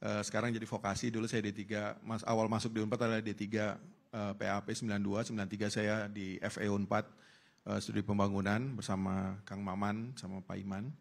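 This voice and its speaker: A man in his fifties speaking as a guest on a campus stage panel, talking in a halting way with fillers and restarts. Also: on the low side, level tone, gravelly. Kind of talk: casual panel talk.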